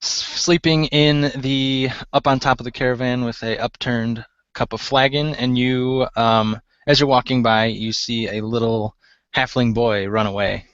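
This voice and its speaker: A man's voice: mid-range voice, steady tone, unhurried, fairly bright tone, smooth, no echo, highs cut off. A man narrating as game master of a tabletop role-playing game, often laughing and hesitating with fillers.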